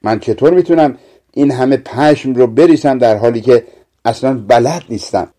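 A man's voice: medium pitch, warm tone, close to an everyday voice. A man reading aloud, voicing a frightened young girl who speaks timidly and worriedly.

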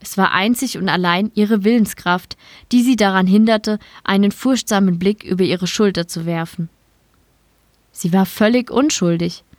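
A woman reading a short story aloud in calm, measured scripted narration. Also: medium pitch, no echo, studio quality. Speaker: story reader.

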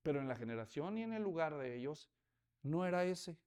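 Man, pastor, sermon, high voice, humorous rhetorical storytelling. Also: sing-song, fairly quick, a little mellow, clear, resonant tone.

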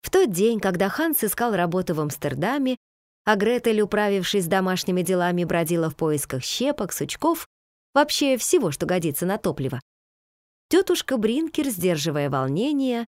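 Brief: female audiobook narrator, mid pitch, measured, close dry recording. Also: very animated, no room sound. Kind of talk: scripted narration of a classic children's novel.

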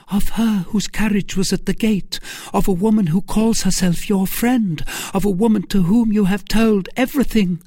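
A narrator voicing a fragile, devoted young woman in anguish, breathy and exclaiming, for a classic story. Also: medium pitch, fairly even intonation, moderate pace, warm tone, dry recording, clean studio sound, voice pushed up, lightly acted. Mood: anxious, insistent.

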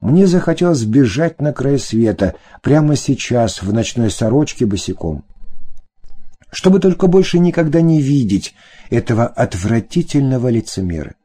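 A man reading a first-person novel aloud with expressive, dramatic narration. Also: medium pitch, normal speed, breathy edge. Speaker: audiobook narrator.

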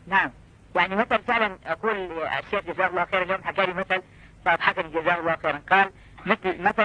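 Male preacher, very fast and bright-voiced, exhorting the crowd on a lo-fi old tape. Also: high-pitched. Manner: exhorting, with rhetorical questions to the audience. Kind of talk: fervent preaching lecture.

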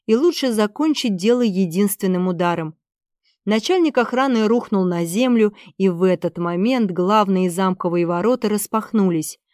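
A woman narrating an adventure audiobook in a lively, expressive way. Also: mid-range voice, no room sound, clean studio sound. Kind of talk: scripted narration.

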